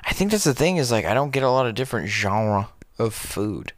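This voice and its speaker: A man's voice: mid-range voice, very animated, brisk, dry recording, clean studio sound. A man co-hosting a podcast in a casual, playful chat, talkative and given to silly sounds. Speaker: podcast co-host.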